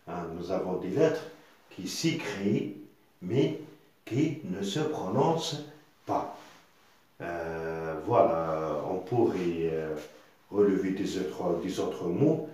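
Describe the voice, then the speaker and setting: Slow, patient man teaching in an echoey room. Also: low-pitched, mellow. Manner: repetitive, patient, sounds out syllables slowly with tags like hein. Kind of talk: spoken reading lesson.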